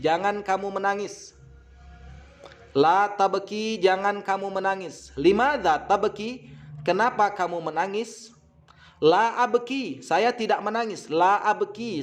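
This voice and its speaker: A man with an Indonesian accent teaching vocabulary, saying each word and its meaning and repeating them slowly. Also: high voice. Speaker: Arabic teacher. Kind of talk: vocabulary lesson.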